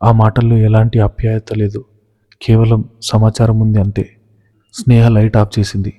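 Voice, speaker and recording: A man telling a dramatic story in measured, scripted narration. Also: lowish voice, monotone, dark tone. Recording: reverberant, dull lo-fi recording.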